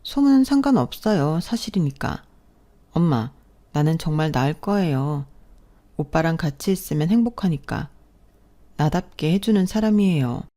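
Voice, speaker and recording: A woman's voice: deep voice, animated, normal speed, mellow. A woman doing a stubborn, insistent daughter. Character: young woman, a daughter in her twenties, stubborn. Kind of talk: storytelling radio drama.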